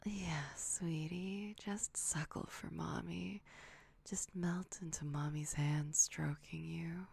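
Young woman whispering super slow and soft, breathy and a bit gravelly, all soothing hums. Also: deep voice, steady tone. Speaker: audio roleplay performer. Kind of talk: intimate whispered ASMR roleplay.

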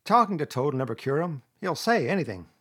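A man's voice: high-pitched, expressive, quick pace, voice pushed up. A man voicing a sceptical, plain-spoken rat in a storybook, with a blunt, teasing manner. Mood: contemptuous. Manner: dubious, blunt. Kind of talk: storybook character reading.

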